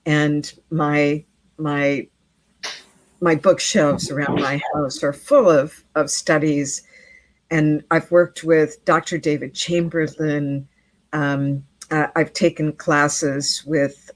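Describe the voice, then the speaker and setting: A woman's voice: sits low, no room sound. A middle-aged woman, a midwife and interview guest, telling a story earnestly and often repeating words as she goes.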